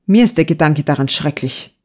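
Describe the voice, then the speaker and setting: A woman's voice: sits low, lively intonation, brisk. A woman reading a stubborn young man who grumbles with mock solemnity in an audiobook. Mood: grumbling. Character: stubborn young man, the elder son, dramatic.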